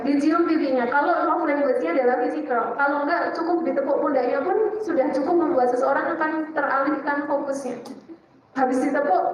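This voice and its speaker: A woman giving a religious study talk to women, Indonesian with a Javanese tinge, lively and playful, asking questions and answering them herself. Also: high voice, a little hiss or hum. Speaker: Islamic teacher and psychologist. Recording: echoey hall, distant dull mic.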